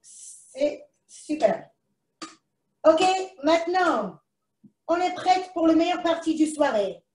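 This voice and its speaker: A woman's voice: very high voice, expressive, measured pace, a little mellow, echoey room, distant mic, a little hiss or hum. A woman with a foreign accent in French presents a live cooking demonstration from a kitchen, chatting to herself as she works. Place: kitchen, indoors.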